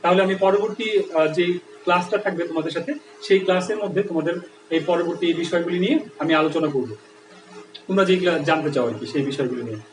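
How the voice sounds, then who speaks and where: A male teacher with a high, quick voice walks students through a grammar lesson step by step, checking often that they follow. He sounds set back from the mic in an echoey room with a faint hum of noise. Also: far from the mic. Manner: explanatory, with frequent checks like "right?". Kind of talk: online Bangla grammar lesson.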